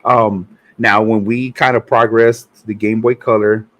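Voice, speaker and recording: A man's voice: lowish voice, level tone, unhurried, fairly bright tone. A man hosting a casual podcast chat, easygoing, chuckling often and rambling through restarts. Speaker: podcast host.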